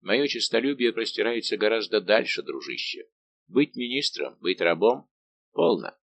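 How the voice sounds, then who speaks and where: A man reading aloud voicing a calm, dignified older nobleman. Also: on the low side, creaky. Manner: measured, dignified, gently refusing.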